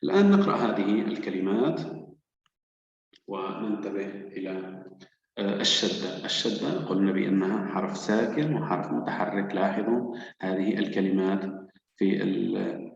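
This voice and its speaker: Patient low-voiced male teacher, echoey hall. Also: creaky, a little mellow. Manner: slow, patient, drawn-out syllables. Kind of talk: children's reading lesson. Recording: echoey, dull, hall-like room.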